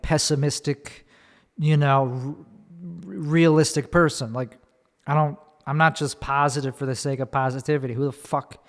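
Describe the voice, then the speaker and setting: This comedian and podcast host speaks with a Chicago accent, swearing and rambling through a solo rant and often restarting mid-sentence. His voice is a little high, clear and resonant. The recording has long reverb from an echoey room.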